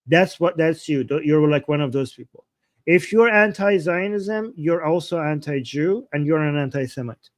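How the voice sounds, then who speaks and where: The host, a man from Iran with an Iranian accent, reacts to politics on a livestream, pressing his arguments insistently, repeating points and asking rhetorical questions. His slightly high voice is expressive and moves at a normal speed, with no room sound.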